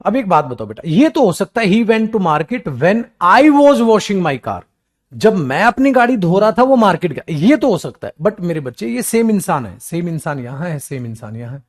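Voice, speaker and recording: A man teaching English grammar for government exams gives a classroom lecture at a moderate pace, pairing English examples with explanations in Hindi. He's animated, alternately scolding and coaxing his students with affection and calling them "beta," and he mimics whining students in a low, weak voice.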